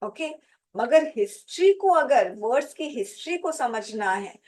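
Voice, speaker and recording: A woman with a somewhat high voice gives a classroom-style lecture to exam students. She speaks slowly and deliberately, and she repeats words and spells them out letter by letter. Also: animated, darkish tone, slight background noise, low-quality recording. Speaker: English teacher for competitive exams. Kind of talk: slow classroom lecture, mixing Hindi and English.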